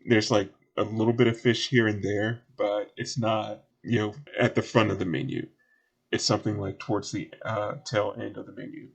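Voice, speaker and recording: A man with a fairly low voice narrates a tabletop game as game master. He rambles in a relaxed way, with many small fillers, as he sets each scene. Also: moderate pace, creaky, breathy edge.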